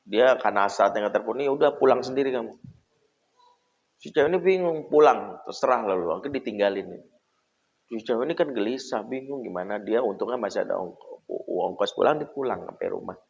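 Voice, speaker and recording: A man, an Islamic preacher, giving a casual parenting talk and telling a story in an animated, conversational way. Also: on the low side, quick pace, gravelly. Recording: echoey hall, dull lo-fi sound.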